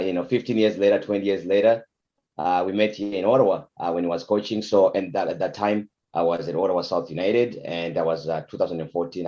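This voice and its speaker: A middle-aged Zimbabwean man, a soccer coach, answering interview questions in a halting way with many fillers. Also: sits low, a little mellow, dull audio.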